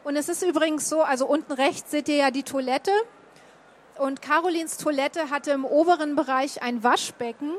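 High-voiced chatty woman from Berlin. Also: steady tone, normal speed. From Berlin, Germany. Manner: chatty, many fillers and restarts. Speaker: guest telling of a stay in Japan. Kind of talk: casual talk showing slides.

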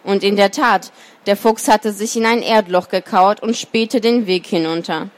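A woman's voice: mid-range voice, steady tone, moderate pace. Woman reading a children's story. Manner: hesitant with fillers when commenting.

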